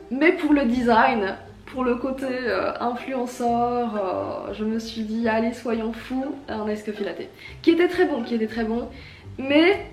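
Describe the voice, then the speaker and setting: A woman with a slightly rough morning voice, chatting casually to camera as a fitness vlogger in an informal, self-mocking, emphatic way. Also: on the high side, darkish tone. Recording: roomy echo.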